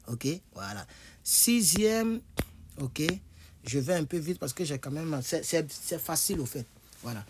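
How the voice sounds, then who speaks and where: A man's voice: medium pitch, darkish tone, a little hiss or hum. A tired man giving a casual online language lesson from his bed, chatty and repetitive as he demonstrates phrases. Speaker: English teacher.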